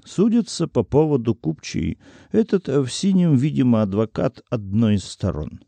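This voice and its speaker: A man voicing an outraged male lawyer who shouts indignantly at a corrupt court in a dream. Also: mid-range voice, sing-song, moderate pace, vocal fry, no room sound. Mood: musing.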